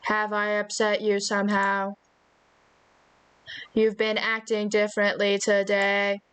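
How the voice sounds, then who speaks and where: A woman voicing a tired, withdrawn young woman in a visual novel, in a flat, subdued way. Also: mid-range voice, slow, smooth, no room sound. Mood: weary.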